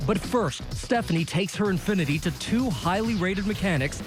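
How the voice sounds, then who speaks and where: A man's voice: sits high, animated, moderate pace, over music. A man narrating a scripted investigative report as a TV news reporter.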